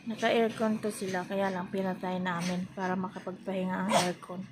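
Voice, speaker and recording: A woman's voice: mid-range voice, flat delivery, normal speed, noisy background. A woman vlogger talking to her pets in a coaxing, sing-song baby-talk voice.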